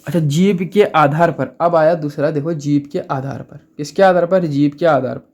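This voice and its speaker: A man's voice: a little high, moderate pace, a little mellow. A man teaching Hindi grammar in a casual exam-prep lesson, chatty, asking and answering his own questions and repeating key points.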